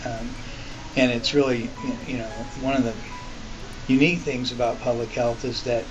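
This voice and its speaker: An older man answering interview questions in an office, speaking in a measured, halting way with pauses. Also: medium pitch, level tone. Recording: distant, muffled, music behind.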